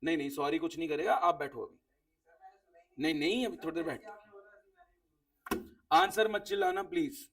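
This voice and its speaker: A man's voice: fairly high pitch, expressive, moderate pace, creaky, pauses often, a bit bright, far from the mic. A man teaching accounts to a class of students, quizzing them, repeating key words and sending off those who answer right.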